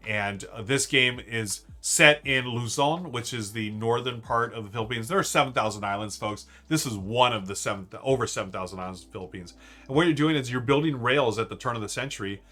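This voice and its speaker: Ranking board games on a laid-back live stream, this American host speaks briskly in a mid-range voice that sounds pushed and bright. His delivery is eager and meandering, peppered with fillers and false starts.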